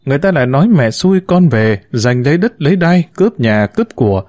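A man's voice: a little high, very animated, a little fast, no room sound. A man voicing a bitter, wounded middle-aged mother who reproaches and laments to her son in an audiobook story. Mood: pleading lament. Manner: reproachful, lamenting, sharp-tongued.

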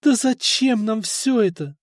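A man reading an audiobook voices a young princess, pleading and tearful, who grows shrill with anger. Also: animated, a little slow, no echo, studio quality.

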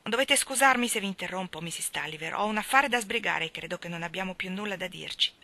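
A woman's voice: mid-range voice, quick pace, bright, forceful tone. A woman reading an audiobook, voicing a brusque middle-aged male lawyer who speaks curtly and in a businesslike way. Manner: curt, businesslike.

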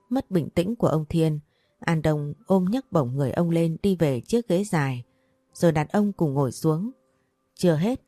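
A woman narrating a romance audiobook in a steady storytelling manner. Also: deep voice, no room sound, studio quality.

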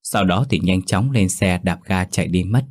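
Deep, husky male horror storyteller. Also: normal speed, a little mellow. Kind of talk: scripted horror story narration.

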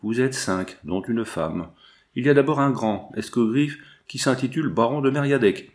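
A man's voice: mid-range voice, normal speed, lightly acted. A man reading the part of a mocking, gloating old male villain in disguise in an audiobook.

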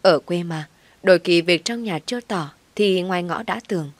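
A woman reading a scripted audio story in a steady, gentle storytelling manner. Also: lowish voice, moderate pace, no room sound.

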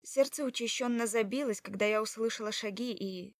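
A woman narrating a story in the first person as a heroine, in an expressive, emotional reading. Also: mid-range voice, normal speed, no echo.

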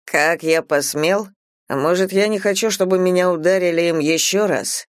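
A haughty male god from a fantasy audiobook, as a woman reads him, lowering the voice into slow, deliberate, scornful lines. The delivery is close and dry, with no room around it. He teases rather than shouts. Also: no room sound, close to an everyday voice. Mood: mocking. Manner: slow, low, mocking. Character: stern, teasing, arrogant male god. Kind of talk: audiobook character voice.

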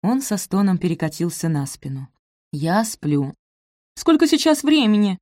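A woman voicing an eager, emotional young woman in love, talking in breathless, high exclamations. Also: expressive, moderate pace, mellow, dry recording, clean studio sound. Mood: alarmed.

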